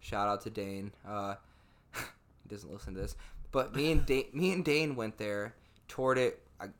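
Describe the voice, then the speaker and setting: A man's voice: on the low side, a little slow. A young man in casual podcast chat, joking around, swearing casually and laughing between lines.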